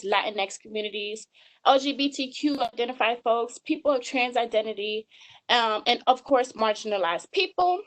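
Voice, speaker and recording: A woman's voice: a little high, a bit bright, rough recording. Young woman presenting slides, many ums. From Georgia, US. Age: 20s. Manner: earnest, many filler ums. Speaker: webinar presenter.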